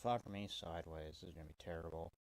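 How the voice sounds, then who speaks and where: A man's voice: sits low, fast. A man giving a casual, swear-heavy wrestling review, exasperated and full of restarts. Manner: profane, exasperated, stumbling restarts.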